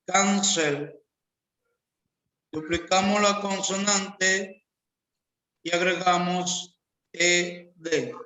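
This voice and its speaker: A man with as his teaches a grammar lesson, drawing out each word and repeating examples. His voice sits high and sounds bright. He speaks very slowly in a roomy, echoing space. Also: fairly even intonation. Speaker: English teacher. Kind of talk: slow classroom grammar lesson.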